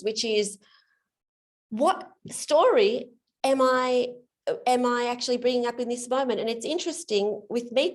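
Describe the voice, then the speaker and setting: A woman with a fairly high, slightly mellow voice leads a live coaching demo in an online session. Warm and explanatory, she helps a male guest work through his limiting beliefs over video call.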